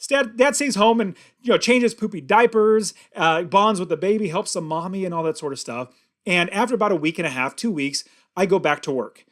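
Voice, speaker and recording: A middle-aged man hosting his show, telling a personal story in an earnest, vivid and emphatic way. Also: sits high. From California. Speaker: host.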